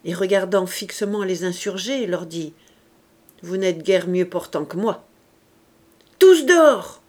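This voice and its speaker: A woman's voice: medium pitch, darkish tone. Woman reading a classic novel aloud. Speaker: audiobook reader. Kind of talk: scripted narration.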